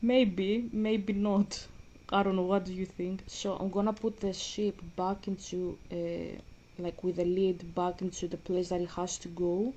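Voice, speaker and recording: Chatty Greek woman, flat and mellow. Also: lowish voice, a little slow, few pauses, muffled recording. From Greece. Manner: rambling, chatty, restarts often. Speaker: vlogger. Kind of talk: casual gaming commentary.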